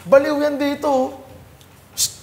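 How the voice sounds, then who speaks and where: Man acting very high-pitched echoey drinking buddy. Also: flat delivery, measured pace, gravelly, a little mellow, exaggerated voice. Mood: brusque. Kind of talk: comedy skit acting.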